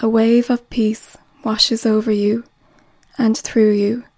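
Slow soft-spoken woman guiding relaxation. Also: a little high, flat delivery, no echo. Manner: slow, soothing, partly whispered delivery. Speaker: relaxation guide. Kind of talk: guided relaxation script.

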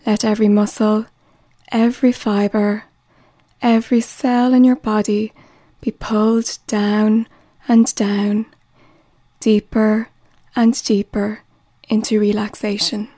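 A woman reading a guided relaxation script in a slow, soothing voice that often drops to a whisper. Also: medium pitch, level tone, mellow, no room sound.

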